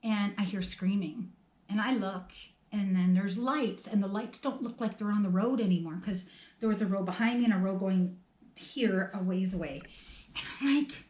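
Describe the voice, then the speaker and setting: A middle-aged woman tells a personal story in a casual vlog, lively and expressive. She laughs between lines and acts out her own thoughts. The voice sits at an ordinary pitch in a roomy, echoing space. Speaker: storytime vlogger. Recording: roomy echo.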